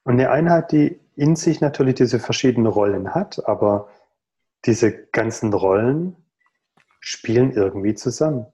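A man's voice: medium pitch, lively intonation, dark tone, highs cut off. A man in his thirties talking earnestly over a video call from a room at home, reflective and full of rhetorical questions. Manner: thoughtful, earnest, rhetorical questions, many pauses. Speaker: guest in a video call conversation. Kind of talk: reflective conversational explanation.

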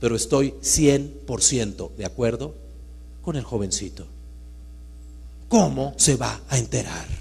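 A man giving a live talk to an audience, swinging between loud emphatic bursts and hushed storytelling. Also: medium pitch, expressive, a little slow, vocal fry, long pauses, husky. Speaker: motivational speaker. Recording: reverberant hall with mains hum.

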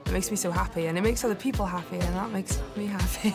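A woman's voice: mid-range voice, steady tone, fast talker, gravelly, over music. Young South Wales Valleys woman. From Caerphilly, South Wales. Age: young adult. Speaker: talent show contestant, tribute singer. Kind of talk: audition interview. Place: TV audition stage and backstage area.

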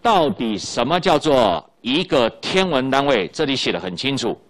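Male physics teacher, Taiwanese Mandarin accent, middle-aged, animated up-and-down delivery, chatty, repeats himself. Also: medium pitch, normal speed. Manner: chatty, repeats key points, tags lines with "ha" and "you know". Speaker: high school physics teacher. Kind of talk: recorded classroom lecture.

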